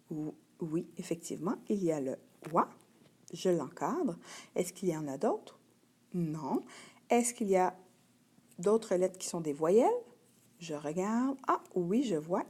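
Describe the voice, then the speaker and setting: A woman teaching a young child to read, sounding out letters and syllables slowly and clearly. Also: fairly low pitch. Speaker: primary school teacher. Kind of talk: slow patient reading lesson.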